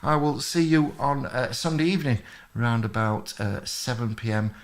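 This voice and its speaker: A man's voice: mid-range voice, normal speed. Rambling man hosting a live stream. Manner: rambling, friendly, many fillers, reads out chat comments. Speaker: history channel host. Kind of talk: live stream chat with viewers.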